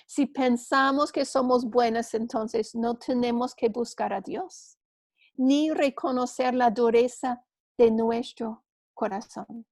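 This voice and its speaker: Woman, church class teacher, earnest storytelling, unhurried, high. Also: steady tone, a little mellow, dry recording, clean studio sound. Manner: earnest, storytelling, with small restarts.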